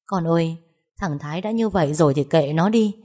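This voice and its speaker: A woman's voice: sits low, brisk, mellow. A woman voicing a tearful, comforting old mother in an audio story. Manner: soothing, tearful.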